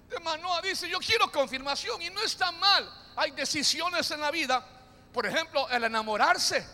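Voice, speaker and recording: A man's voice: very high voice, bright, forceful tone. A man preaching a sermon, leading the congregation in call-and-response and stretching out key phrases. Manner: call-and-response, drawn-out emphatic phrases, playful asides. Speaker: pastor. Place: church. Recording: reverberant church hall.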